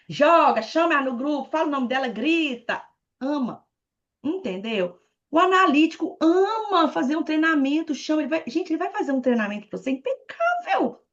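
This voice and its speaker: High-voiced chatty Brazilian woman on a call. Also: dull audio. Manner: chatty, playful, addresses listeners directly. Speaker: guest speaker on leadership. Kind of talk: animated talk on a video call.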